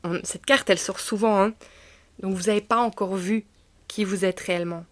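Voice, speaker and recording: A woman talks through a tarot card reading in an unhurried, intimate way. Her voice often sinks to a murmur or a near-whisper, then lifts with sudden enthusiasm. Her pitch sits in a middle register. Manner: soft-spoken, dropping to murmurs and whispers, bursts of excitement. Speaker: tarot card reader and medium. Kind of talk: casual spiritual card reading.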